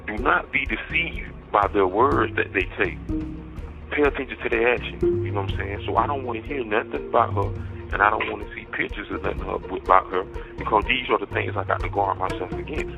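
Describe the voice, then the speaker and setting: A man's voice: on the low side, vocal fry. A man talking on a prison payphone call, rambling and preachy, quoting scripture and turning heated and accusing. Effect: prison payphone line. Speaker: inmate on a prison phone call. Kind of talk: rambling phone talk. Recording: tinny phone line with music behind. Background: music.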